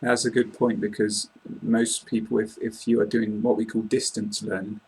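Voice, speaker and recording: Fairly low-pitched and level in tone, this voice belongs to a British host and English teacher in his twenties, speaking at normal speed, a little mellow and husky. He explains things politely during an informal interview. Audio quality is poor, recorded via laptop webcam in a small room.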